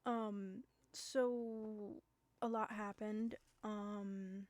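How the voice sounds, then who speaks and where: A woman streaming live, speaking in a halting, subdued way with many fillers and apologies, hiccuping now and then. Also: medium pitch, level tone, darkish tone. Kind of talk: casual live-stream talk.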